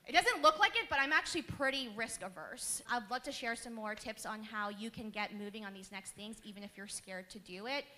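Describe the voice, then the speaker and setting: A woman, speaking on a panel with lively storytelling and laughter. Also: on the high side, a little fast, few pauses. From Queens, New York. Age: 30s. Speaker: panelist, business owner. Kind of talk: panel talk to a live audience.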